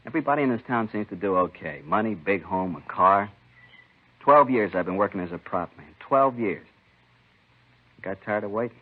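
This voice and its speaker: In a muffled old 1950s radio crime drama, an actor with a lowish, expressive voice plays a weary, bitter American prop man. At normal speed, he confesses to a robbery in short sentences, sounding resigned and self-justifying.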